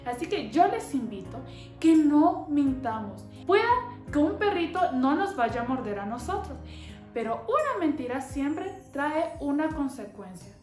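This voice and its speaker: A woman telling a children's story in a lively way, often asking the children questions. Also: high-pitched, a little slow, echoey room, faint music behind.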